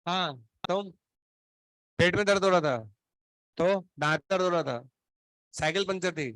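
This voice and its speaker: A man's voice: high voice, measured pace, fairly bright tone, no echo. A male coaching teacher scolding his students in class, stern and sarcastic, grilling them one by one while running a fever. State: feverish, throat unwell.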